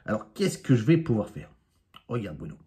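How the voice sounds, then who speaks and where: A man's voice: lowish voice, big pitch swings, brisk, mellow. A man from France, an amateur magician, telling a playful story to camera with sound effects and asides. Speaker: amateur magician, channel host.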